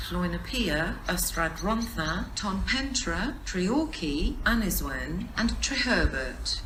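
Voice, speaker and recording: A woman reads a train station announcement over public address speakers, calm and clipped as she lists each stop. Her voice rings around a reverberant hall, with a steady wash of noise behind it. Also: mid-range voice. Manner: measured, even, clipped list reading. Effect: public address station announcement over loudspeakers. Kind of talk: automated railway platform announcement.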